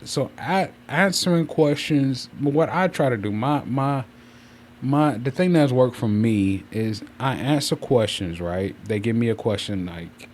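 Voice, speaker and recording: A man's voice: mid-range voice, a little slow. A man chatting casually on a livestream from a room at home, rambling and often circling back to repeat himself. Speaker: streamer hosting a channel. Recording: clear steady fan noise. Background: fan running.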